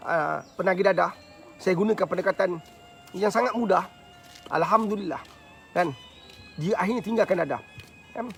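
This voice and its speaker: A man with a Malaysian Malay accent giving a live-streamed religious motivational talk, tagging lines with "kan?" and bursting into shouted chants. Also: high-pitched, creaky.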